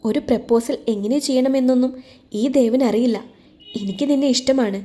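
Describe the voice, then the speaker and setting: Brusque rich young suitor in a story reading, short clipped lines, warm mellow tone, a woman reading him. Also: sits high, fairly quick, soft background music, natural voice. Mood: earnest. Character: stern wealthy young man, impatient suitor.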